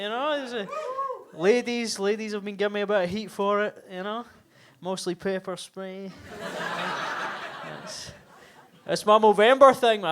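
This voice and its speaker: A man's voice: high voice, fairly bright tone. A man in his thirties doing a live stand-up set in a basement comedy club, chatty and swearing, with self-mocking asides.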